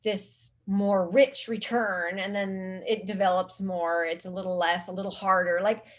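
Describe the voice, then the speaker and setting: A woman's voice: medium pitch, level tone, a little slow. A woman speaking as a marketing guest in a casual interview. She rambles, restarts her sentences and uses lots of filler words. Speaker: guest social media marketing specialist.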